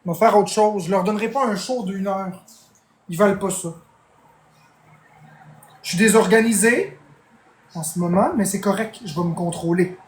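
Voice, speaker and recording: A man's voice: sits high, moderate pace, long pauses, echoey room, slight background noise. A man with a Québécois French accent, a streamer venting in a heated, swearing rant at his chat. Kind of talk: angry livestream rant.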